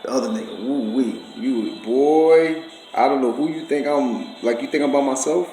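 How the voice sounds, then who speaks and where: Man, profane accusatory rant to camera, mid pitch, roomy echo, faint music. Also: moderate pace, warm tone. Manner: profane, accusatory, streetwise slang. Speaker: vlogger.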